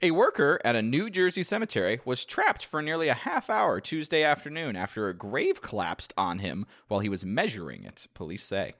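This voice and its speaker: A man's voice: mid-range voice, fairly quick, few pauses, dry recording, clean studio sound. A man co-hosting a comedy podcast, reading news stories aloud and laughing through them in casual chat. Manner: animated, laughs while reading out quotes. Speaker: podcast co-host.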